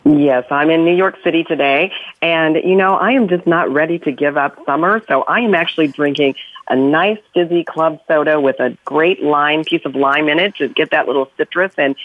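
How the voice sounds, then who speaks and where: A woman's voice: deep voice, normal speed, no echo. A woman chatting casually as a radio show guest over a phone line. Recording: dry, narrow phone-line sound.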